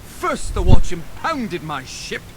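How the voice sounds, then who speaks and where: Pompous game showman, high voice swooping all over, grandiose flustered patter. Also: very animated, takes it slowly, very noisy, exaggerated voice. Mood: wheedling. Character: pompous, theatrical carnival showman with false exotic airs. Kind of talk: theatrical video game acting.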